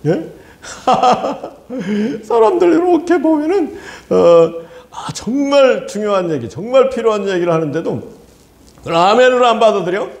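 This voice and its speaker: Animated Korean pastor preaching in an echoey hall. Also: male voice, very high-pitched, measured pace, creaky. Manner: animated, laughing often, asks the congregation for amens. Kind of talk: sermon.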